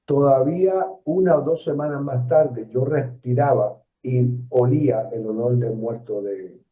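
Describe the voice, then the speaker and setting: A retired journalist in his seventies, from Puerto Rico and speaking with a Puerto Rican Spanish accent, shares stories in an interview, pausing reflectively and restarting often amid many fillers. His voice is medium-pitched. The recording sounds roomy, distant, dull, and lo-fi.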